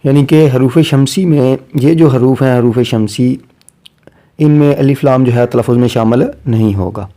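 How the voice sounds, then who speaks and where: A man teaching a grammar lesson, slowly going over letters one by one and repeating himself as he explains. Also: medium pitch, mellow. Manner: slow and repetitive, spelling out letters one by one.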